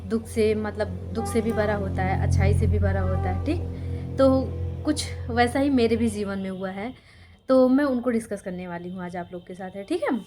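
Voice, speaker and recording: A woman's voice: medium pitch, normal speed, dark tone, soft background music. A young woman from Sultanpur, India, a teacher telling her life story to her viewers in a casual, conversational way, often checking in with them as she goes. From Sultanpur district, Uttar Pradesh, India. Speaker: teacher and YouTuber.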